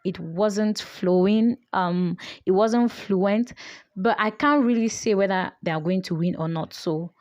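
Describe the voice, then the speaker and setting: A woman's voice: mid-range voice, measured pace, darkish tone, lo-fi sound. Young woman, chatty and opinionated recap host, talks off the cuff with ums and restarts. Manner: chatty and opinionated, thinking aloud with fillers. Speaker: reality show commentator. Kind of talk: casual chat.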